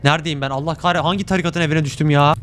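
A young man streaming a game, commenting casually to his chat, excitable and swearing often. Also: on the high side, very fast, faint music behind. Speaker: gaming streamer.

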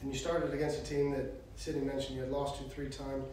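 A man reporter asking measured questions at a press conference. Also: mid-range voice, level tone, warm tone, a little hiss or hum. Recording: distant, very echoey room.

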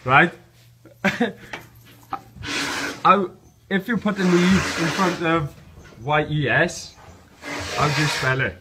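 A man's voice: on the high side, takes it slowly, long pauses. A man in casual banter, giggly and coaxing as he films on a phone. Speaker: person filming a prank on a workmate. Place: indoors, unfinished building site room. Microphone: handheld phone. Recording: noisy phone recording.

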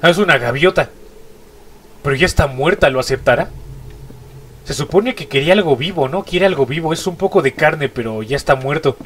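A man's voice: a little high, animated, fairly quick, a bit bright, slight background noise. A man with a Mexican accent, stuffy-nosed from a cold, giving jumpy horror gameplay commentary and repeating short exclamations. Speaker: gaming YouTuber.

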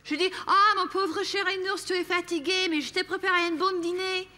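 A woman's voice: very high voice, steady tone, normal speed, pushed and bright. An actress playing an exasperated young woman in a sitcom argument, heated and scornful. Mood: indignant. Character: exasperated young woman, fiery and sharp-tongued. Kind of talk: 1980s French sitcom acting.

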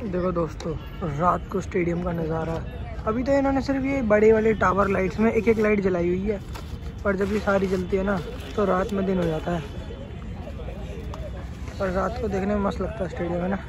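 Filming himself on his phone at arm's length at an outdoor stadium track, a young adult man talks a little fast in a high, steady voice. His vlog commentary is casual and cheerful, and the rough phone audio catches crowd noise around him.

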